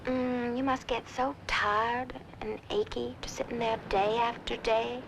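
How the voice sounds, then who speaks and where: A coy Southern belle. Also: female voice, fairly high pitch, little pitch movement, a little slow, vocal fry, noisy background. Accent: American Southern. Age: young adult. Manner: drawling, coy. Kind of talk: 1960s TV drama acting.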